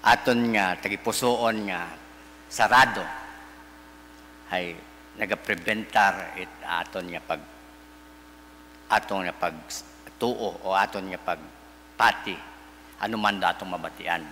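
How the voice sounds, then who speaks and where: A male priest giving a liturgical reading and homily in deliberate, halting phrases, in a church with cathedral echo. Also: low voice, sharp tone. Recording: reverberant church, mains hum.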